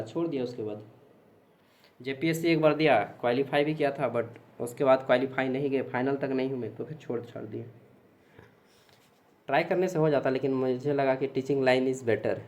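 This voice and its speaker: A young man speaks in a mid-range, slightly mellow voice at a moderate pace while teaching exam prep. Chatty in manner, he explains through examples, repeats and checks with his students, and asks and answers his own questions.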